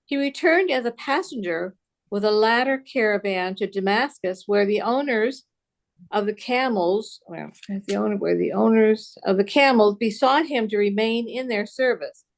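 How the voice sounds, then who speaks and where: A woman's voice: mid-range voice, moderate pace, creaky. A woman reading a passage aloud to a study group, careful and unsure of some names.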